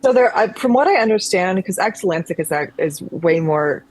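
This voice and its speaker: A conservatory-trained actress speaks as a guest on a video call at a normal speed. Her mid-range voice is a little mellow, with lively intonation. She chats reflectively and thoughtfully, meandering and frequently restarting.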